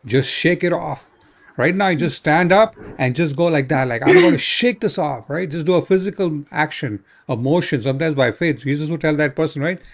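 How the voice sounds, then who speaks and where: Fervent man with a gravelly voice. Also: a little high, brisk. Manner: fervent, exhorting, repeats "right?". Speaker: minister. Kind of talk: prayer ministry talk.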